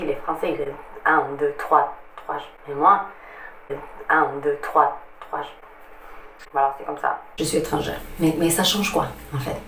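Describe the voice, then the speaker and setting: A woman's voice: deep voice, fairly bright tone, far from the mic. A young woman from Chile, speaking French with a Chilean Spanish accent, doing a chatty, self-mocking stand-up monologue. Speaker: comedian. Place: small bathroom at home. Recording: echoey bathroom, off-mic, faint hiss.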